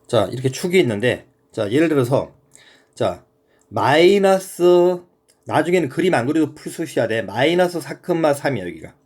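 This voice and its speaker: A man's voice: on the high side, sing-song, moderate pace, a little mellow, husky. A man teaching a middle-school math lesson in a casual, conversational way, often checking that the student follows.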